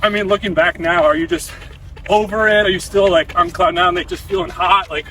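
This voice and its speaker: A man's voice: sits high, fairly even intonation, fairly quick, sharp tone. A man hosting a casual interview while running outdoors, talking in loose, bro-ish slang with plenty of fillers. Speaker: podcast host, interviewer. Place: outdoors on a run. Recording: distant mic, outdoor ambient noise.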